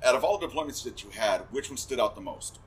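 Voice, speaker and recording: A man's voice: medium pitch, animated, fast talker, a little hiss or hum. Laid-back profane male podcast host. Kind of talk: casual interview.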